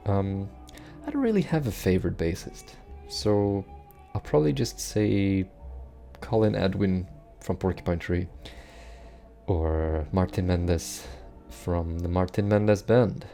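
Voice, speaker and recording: A man's voice: sits low, lively intonation, unhurried, gravelly, long pauses, dark tone, faint music behind. A man in his twenties hosting a casual viewer Q&A, answering in a dry, offhand, self-deprecating way while his voice is giving out. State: losing his voice. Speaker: bass cover channel host.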